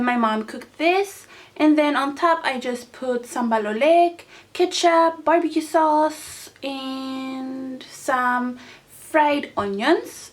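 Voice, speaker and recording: A young woman hosting a casual mukbang, chatting excitably to viewers as she eats. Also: sits high. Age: teenager to young adult. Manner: excitable, exclaiming, talking to viewers while eating. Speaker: mukbang host. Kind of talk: casual mukbang eating chat to camera.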